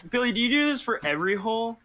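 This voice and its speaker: A man's voice: extremely high pitch, expressive, racing, a loud crowd. A young man in casual chat with friends while playing a game. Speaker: player in group gaming session. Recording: music behind the voice. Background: music.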